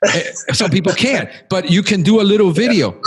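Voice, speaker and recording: A man's voice: sits high, animated, a little fast, breathy edge. A man who hosts a podcast, talking casually in an emphatic, encouraging, talkative way. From Cuban background. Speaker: podcast host.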